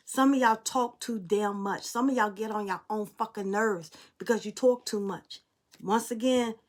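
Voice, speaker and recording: A young adult woman with a fairly high voice speaks to camera as a spiritual reader. Her loose, casual monologue is blunt and emphatic, and she swears freely.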